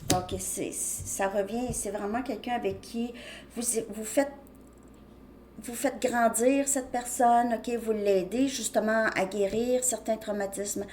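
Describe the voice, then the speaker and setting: A woman's voice: a little high, fairly even intonation, slow pace, darkish tone, slight background noise. A woman giving a casual tarot reading to her viewers, talking loosely and restarting her sentences often. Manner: loose, rambling speech with frequent restarts. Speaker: tarot reader.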